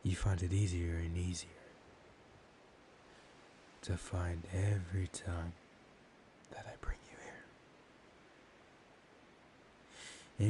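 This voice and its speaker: With a low voice and only light acting, a man voices a dominant, menacing, seductive vampire hypnotizing his prey in a soft-spoken ASMR roleplay. The mood is hypnotic and commanding; he is slow and hushed, pausing deliberately and slipping into breathy whispers, with background hiss audible.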